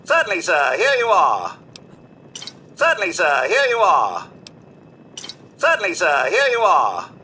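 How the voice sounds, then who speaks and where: A man's voice: high voice, wildly swooping pitch, a little slow, pauses often, sharp tone, slight background noise, exaggerated voice. An actor playing a polite, courteous male robot butler in a game, with a formal manner and stock phrases.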